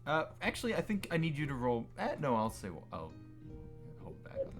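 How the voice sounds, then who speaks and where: A man's voice: on the high side, very animated, brisk. A man casually narrating a tabletop role-playing game as game master. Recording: background music under the voice. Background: plucked guitar music.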